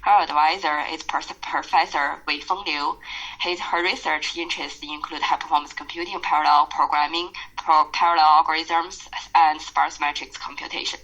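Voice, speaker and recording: A woman's voice: low voice, fairly even intonation, moderate pace, a bit bright, low-quality recording. A woman chairing a session, reading a formal introduction with small slips and self-corrections, heard through screen-recorded video call audio.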